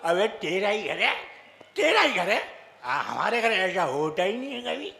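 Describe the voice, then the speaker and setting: A tipsy male buddy drawls and coaxes in a slow, low-pitched voice, as a man puts him on. The voice booms back from a roomy hall with a long tail. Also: very animated, gravelly, sharp tone, full character voice. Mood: drawling. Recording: echoey hall.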